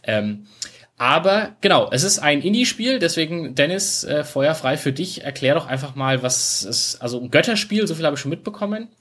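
A man's voice: fairly high pitch, sing-song, normal speed, a bit bright, husky. A man hosting a casual gaming podcast, chatting in an easygoing way with many fillers and restarts. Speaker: podcast host.

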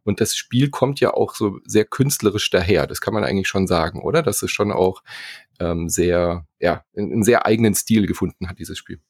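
A man with a light Swabian accent hosts a relaxed podcast conversation about a video game. His voice sits low and a bit husky, and he often stops to search for words. The sound is dry and close. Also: brisk, no echo. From southern Germany. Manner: hesitant, many fillers and restarts. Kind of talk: casual podcast chat about games.

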